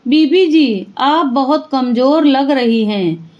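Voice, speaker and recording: A woman voicing a humble, kindly male house servant in a spoken family drama, polite and gentle. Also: high voice, slow pace, muffled recording. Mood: caring.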